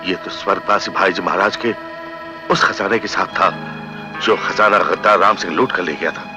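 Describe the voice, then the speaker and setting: A man's voice: low voice, normal speed, natural voice. An actor as a menacing villainous king. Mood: suspicious. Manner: menacing and commanding. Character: cruel scheming royal uncle, a middle-aged king. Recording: film soundtrack with music behind.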